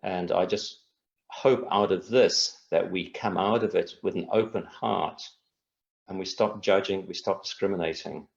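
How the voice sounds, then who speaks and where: A man's voice: low-pitched, measured pace, creaky, muffled recording. A middle-aged man from Tanzania, a guest speaking in an earnest, reflective and meandering way in a casual interview over a video call.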